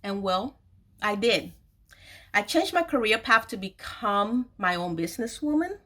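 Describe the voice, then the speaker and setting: Speaking at a measured pace with lively intonation, this woman has a medium-pitched, somewhat bright voice. She's an author in her forties who hosts a personal storytelling video series, confiding in her audience with candor and emphasizing key phrases by stressing and repeating them.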